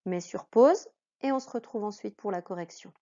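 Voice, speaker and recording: A woman's voice: medium pitch, moderate pace, dark tone. A woman teaching a reading lesson to children, patient, drawing out each example word. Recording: dull lo-fi sound.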